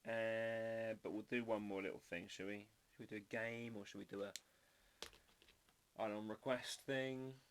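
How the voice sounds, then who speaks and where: A man's voice: lowish voice, steady tone, a little slow, slight background noise. A man hosting a live drawing stream, chatting casually and playfully while trying out foreign words. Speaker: livestream artist host.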